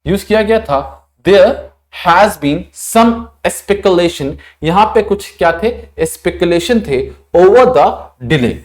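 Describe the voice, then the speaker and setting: A young Indian man teaching an online vocabulary lesson, explaining words and slowly repeating them to model pronunciation, often checking in with his students. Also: sits high, darkish tone. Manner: frequent check-ins like "thik hai".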